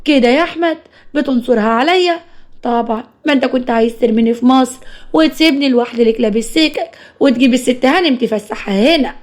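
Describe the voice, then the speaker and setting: A bossy, possessive Egyptian mother-in-law who scolds everyone around her, as a woman reads her part. She talks fast on a fairly high voice. It is a spoken family story. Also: lightly acted. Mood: scolding.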